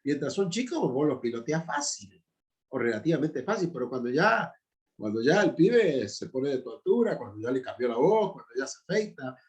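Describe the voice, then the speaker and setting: A man's voice: medium pitch, sing-song, normal speed. A man in his fifties with an Argentine Spanish accent, a pastor teaching a Bible class in an informal sermon style, with emphatic, chatty asides. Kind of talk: informal sermon-style lecture with personal stories.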